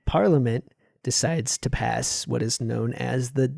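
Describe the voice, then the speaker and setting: A man co-hosting a podcast in casual chat, earnest and quick to chuckle, often restarting his sentences. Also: medium pitch, vocal fry, a little mellow, no room sound, studio quality. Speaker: podcast co-host.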